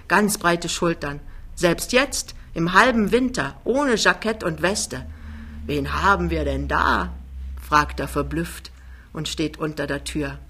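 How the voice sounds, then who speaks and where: Bright-voiced woman narrating a novel. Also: on the low side. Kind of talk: audiobook narration.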